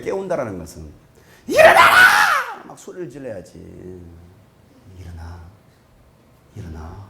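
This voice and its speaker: A man in his thirties, a pastor giving a lively sermon in a large church hall, joking with the congregation and breaking into shouts. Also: fairly high pitch, gravelly, a little hiss or hum. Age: 30s. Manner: joking, animated, bursts into shouts.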